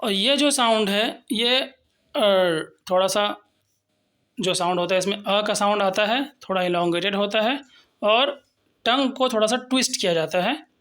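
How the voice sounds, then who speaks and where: A woman's voice: mid-range voice, a little slow, a bit bright. A woman teaching phonetics in a recorded lesson, explaining patiently and repeating example words. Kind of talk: recorded lecture with slides.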